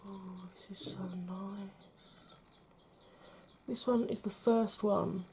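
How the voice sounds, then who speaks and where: A British woman talking through a makeup tutorial, chatty and playful, often dropping to a soft murmur. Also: mid-range voice, fairly even intonation, slow pace, a little hiss or hum. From United Kingdom. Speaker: beauty vlogger.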